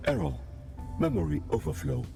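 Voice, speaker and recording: A man's voice: fairly high pitch, big pitch swings, moderate pace, creaky, music in the background, exaggerated voice. A man voicing a stern male security robot that guards a station and answers with rigid, repetitive rule-bound replies in a video game.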